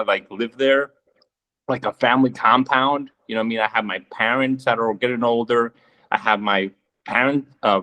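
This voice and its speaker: A man's voice: mid-range voice, a bit bright, dull audio. A man from Chile asking a question on a video call, laid-back and rambling, with lots of fillers. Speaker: caller.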